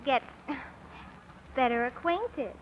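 A woman's voice: sits high, animated, slow pace. A woman playing a smitten, dramatic seventeen-year-old American girl in an old-time radio drama. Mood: coy, admiring. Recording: muffled, noisy old radio recording.

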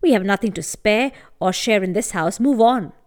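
A woman's voice: medium pitch, lively intonation, normal speed, a little mellow, lightly acted. Woman playing a haughty, curt young townswoman. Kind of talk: acted storytelling dialogue.

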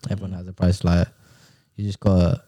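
A man's voice: sits low, flat delivery, brisk, dark tone, dry recording, studio quality. A young man with a London urban roadman accent, hosting a casual chat full of street slang and tag questions. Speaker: podcast host.

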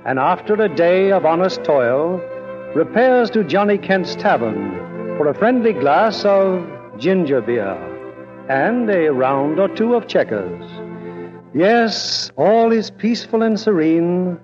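Radio drama narrator: florid, animated, tongue-in-cheek, over music on a muffled vintage recording. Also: male voice, high voice, slow pace, exaggerated voice. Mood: mock-idyllic.

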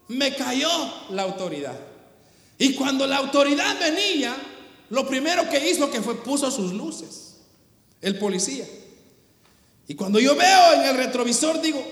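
Male pastor, fiery sermon, very lively delivery, long hall reverb. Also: extremely high pitch. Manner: impassioned preaching, shouting at peaks, slowing for emphasis.

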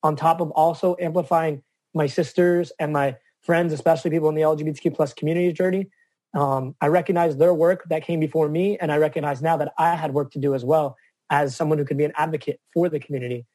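A man's voice: on the high side, fairly even intonation, fast, a little mellow, no echo. A man speaking as a guest on an interview podcast, earnest and reflective about advocacy. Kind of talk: casual interview chat.

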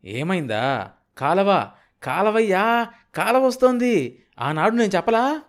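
A man voicing an excited, scheming male village middleman who talks in a loud, high, insistent way. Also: moderate pace, lightly acted. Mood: shouting. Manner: shouting, high-pitched and insistent.

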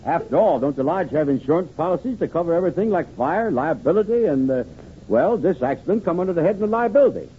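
A man's voice: fairly high pitch, lively intonation, quick pace, a little hiss or hum, lightly acted. A man playing a pompous know-it-all friend and adviser in an old-time AM radio comedy, speaking with mock-learned airs. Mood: pompous, advisory. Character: know-it-all male friend giving pompous legal advice. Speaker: comic actor. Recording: tinny old AM radio recording.

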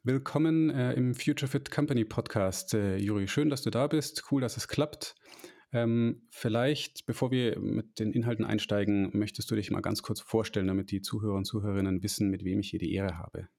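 A man hosting a podcast interview, relaxed and hesitant, often pausing with fillers. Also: lowish voice, creaky. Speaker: podcast host.

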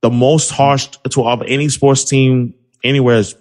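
A man's voice: mid-range voice, flat delivery, normal speed, a little mellow. A young man from New City, chatting about sports in a rambling, trash-talking way full of fillers. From New York City. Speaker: podcast guest, sports broadcaster. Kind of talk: casual sports chat.

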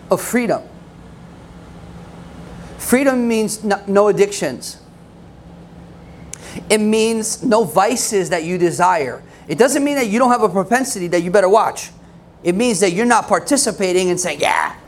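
A man preaching a sermon in a conversational way, with quick asides and laughs. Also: high voice, a little hiss or hum. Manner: conversational, laughing asides, acts out quoted voices.

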